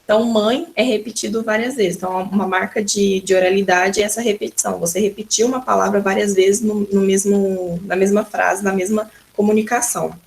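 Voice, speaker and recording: A woman's voice: medium pitch, steady tone, fairly quick, vocal fry, few pauses, darkish tone. A woman teacher with a Brazilian accent giving a recorded school lesson, patiently explaining and often starting her sentences with "então". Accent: Brazilian Portuguese.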